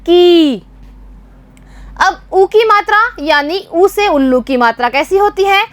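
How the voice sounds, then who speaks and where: A woman teaching a children's Hindi lesson with a Rajasthani Hindi accent, patient and slow, quizzing the class with repeated questions. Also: very high-pitched, animated, dry recording. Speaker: primary school teacher.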